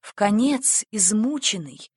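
A woman narrating a children's story in a calm, measured reading voice. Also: mid-range voice, husky, no room sound, studio quality.

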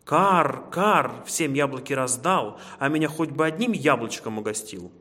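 A man's voice: medium pitch, animated, measured pace. A man voicing a grumbling, envious crow who caws and scolds, in an echoey room. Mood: grumbling scolding. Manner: loud, cawing, scolding.

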